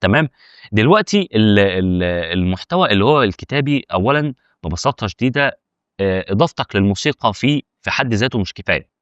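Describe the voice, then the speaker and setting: An Egyptian man rattles through a casual explainer at a very quick clip, bantering with imagined viewers. His voice sits at an ordinary male pitch. The recording is close and dry, with a muffled, lo-fi tone. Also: animated, no echo. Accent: Egyptian Arabic. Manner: rapid, chatty, argues with imagined viewer objections. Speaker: YouTube tutorial host. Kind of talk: casual direct-to-camera explainer.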